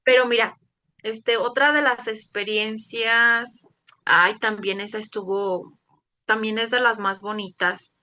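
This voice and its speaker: Bright, earnest woman sharing testimony. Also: a little high, steady tone, highs cut off. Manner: earnest, halting, with laughs and restarts. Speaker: interviewee giving a faith testimony. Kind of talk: casual personal testimony.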